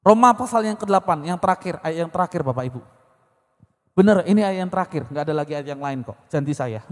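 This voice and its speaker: A pastor preaching a conversational sermon with personal stories, with an Indonesian accent from Medan. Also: male voice, fairly high pitch, expressive, fast talker, in a large hall.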